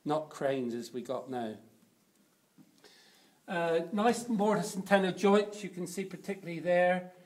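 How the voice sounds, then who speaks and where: Male cathedral tour guide, slightly high voice, informal and unscripted, feeling his way through explanations. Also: unhurried, long pauses.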